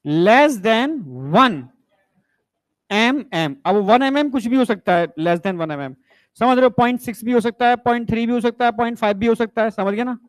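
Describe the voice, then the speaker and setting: A man's voice: extremely high pitch, normal speed, no room sound. A man teaching biology in a classroom, mixing English terms into Hindi and coaxing students to ask questions. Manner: coaxing, keeps asking if students understood. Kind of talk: classroom lecture.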